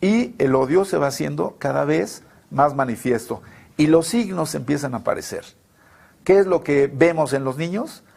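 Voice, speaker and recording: A man, a legal expert guest explaining a topic at length in a measured way, often asking rhetorical questions. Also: on the high side, lively intonation, vocal fry, a little mellow, slightly rough. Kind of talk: explanatory talk-show discussion.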